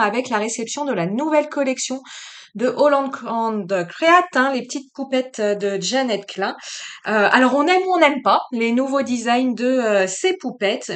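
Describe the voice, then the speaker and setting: A woman's voice: on the high side, fairly bright tone. A woman with a slightly raised voice talks viewers through a craft project in a loose, conversational way. She speaks straight to her audience and keeps dropping little fillers between phrases. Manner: chatty, with frequent "euh" and "hein". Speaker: craft tutorial host. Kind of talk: casual how-to narration.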